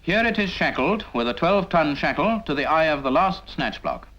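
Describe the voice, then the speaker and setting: Speaking straight to the trainee, a British narrator delivers a scripted 1950s military training film in a teaching manner, posing rhetorical questions as he goes. His pitch is fairly high, his delivery animated and moderately paced, his tone fairly bright. The soundtrack has the dull quality of 1950s film.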